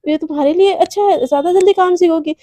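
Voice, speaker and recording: Jealous young office senior, a woman storyteller voicing her, high, sharp and taunting, close dry mic. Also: fast, no room sound.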